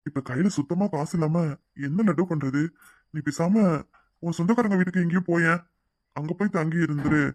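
A performer with a Tirunelveli Tamil accent does cartoon voice acting as a scheming male lover sweet-talking for money, in a coaxing mood and manner. The mid-range voice runs a little fast with long pauses, lightly acted and recorded dry.

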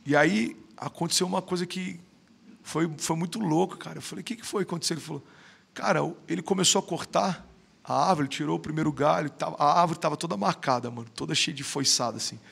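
A man's voice: fairly high pitch, fast, gravelly, fairly bright tone, breathy edge. A man in his thirties with a Brazilian Portuguese accent, a podcast guest telling stories in a slangy, emphatic casual chat. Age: 30s. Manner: slangy, emphatic, keeps saying "mano".

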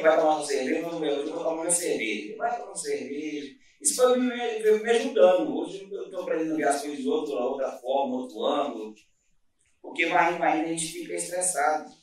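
A man with a Brazilian Portuguese accent, a business owner telling his story in a casual interview, earnest and rambling with many restarts. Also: on the high side. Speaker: guest, restaurant and bakery owner. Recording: echoey room, mic at a distance.

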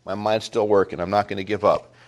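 A middle-aged man giving a talk to a small group of parents, telling a story in an animated way with frequent asides to the room. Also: on the low side, fast. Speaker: school presenter speaking to parents.

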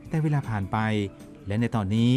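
A male documentary narrator with a mid-pitched voice delivers scripted narration. Music plays clearly behind him throughout. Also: expressive, a little fast, dark tone. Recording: music bed under voice. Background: background music.

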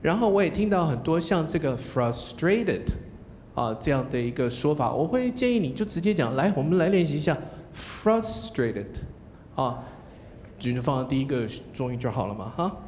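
A man with a Taiwanese Mandarin accent talks to student contestants as a judge, in a fairly high voice. He explains patiently and sounds out words to model them, tagging his phrases with a soft "ha". His voice rings through a large hall with a long echo and a faint low rumble behind it. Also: lively intonation, fast. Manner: coaching tone, demonstrates English pronunciation, ends phrases with a soft "ha" tag. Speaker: contest judge giving feedback. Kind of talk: spoken feedback to student contestants.

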